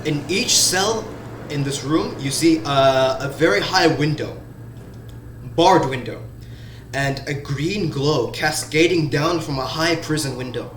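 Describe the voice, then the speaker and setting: A man narrating as game master in the second person, slow and halting with restarts. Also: on the high side, lively intonation, fairly bright tone, a little hiss or hum. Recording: roomy sound, faint background music.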